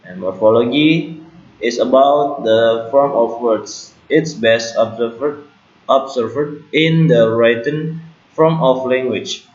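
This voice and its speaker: A man giving a read class presentation as a student, speaking carefully and correcting himself now and then. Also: mid-range voice. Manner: slow, careful delivery with small self-corrections. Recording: roomy, dull lo-fi home recording.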